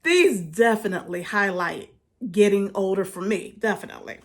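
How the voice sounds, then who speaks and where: A vlogger in her fifties chats casually to the camera, laughing often as she speaks to her viewers. Her voice is mid-range and her pace is normal.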